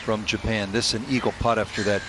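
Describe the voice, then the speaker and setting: A man's voice: lowish voice, little pitch movement, a little fast. A man anchoring live golf commentary as the lead announcer, calling the play. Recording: clear outdoor noise behind the voice.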